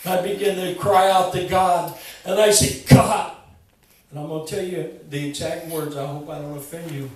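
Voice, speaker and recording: A man preaching a sermon with humor, shifting from quiet musing to raised, emphatic delivery. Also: fairly high pitch, steady tone, brisk. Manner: humorous, swings from quiet to loud. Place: church. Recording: echoey church from far off. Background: congregation responding.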